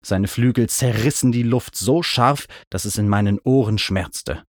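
A man's voice: fairly low pitch, unhurried, no room sound, studio quality. A man narrating a first-person adventure story in a vivid, dramatic reading style. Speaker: audiobook narrator.

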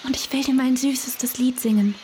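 A woman voicing a small female nightingale who pleads earnestly and slowly. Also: high-pitched, fairly even intonation, dark tone, a little hiss or hum, pitched above the performer's own voice, close to an everyday voice. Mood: pleading.

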